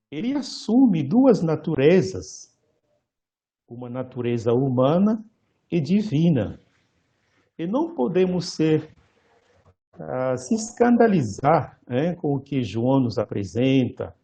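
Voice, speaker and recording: A male priest giving a lecture-style sermon, slow and measured, pausing often and correcting himself mid-word. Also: medium pitch, mellow.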